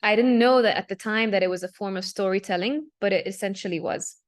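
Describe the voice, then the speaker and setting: A woman's voice: mid-range voice, quick pace. A young adult woman, a digital artist from Palestine who grew up in Dubai, casually presenting her artwork on a video call with fillers and self-corrections. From Palestinian, raised in Dubai. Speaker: panel speaker, digital artist.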